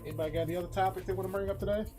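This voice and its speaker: A man's voice: high-pitched, fairly even intonation, very fast, mellow, soft background music. A man co-hosting a casual group podcast, tossing out would-you-rather questions and laughing often. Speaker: podcast co-host.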